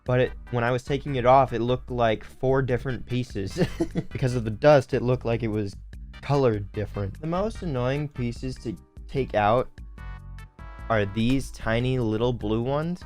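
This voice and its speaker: A man's voice: mid-range voice, measured pace, a little mellow, faint music behind. A young man with a sniffly nose, rambling and thinking aloud as he gives casual commentary for a hobby video. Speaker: video host building Lego.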